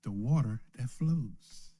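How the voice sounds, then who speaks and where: Man, church elder, informal Bible lesson, unhurried, lively rising and falling pitch, asks "right?" a lot. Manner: asks "right?" after most points, chuckles often. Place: recorded at home or a small study, streamed live.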